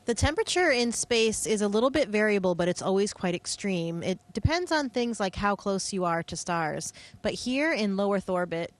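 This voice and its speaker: A woman, an astronaut, explaining science to students in a clear, informal way. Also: mid-range voice, expressive, normal speed, hardly any pauses. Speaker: astronaut and physiologist. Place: space station.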